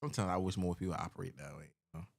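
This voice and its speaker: A man with a low, deep voice co-hosts a casual podcast. He talks in a laid-back, rambling way full of slang, often trailing off and circling back to his point. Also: steady tone, racing, gravelly, a little mellow, husky. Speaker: podcast co-host.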